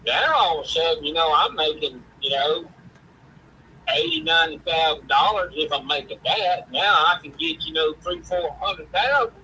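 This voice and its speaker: A man's voice: fairly high pitch, normal speed, bright, forceful tone, slight background noise, poor audio. A man with a folksy Southern drawl from Mississippi, chatting casually about sports as a show host.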